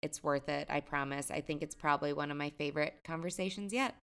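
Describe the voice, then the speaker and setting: A woman's voice: low voice, fairly even intonation, fast, a bit bright, clean tone. A woman hosting a podcast in a friendly, chatty way, speaking casually to her listeners. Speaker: podcast host. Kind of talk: casual podcast introduction and chat.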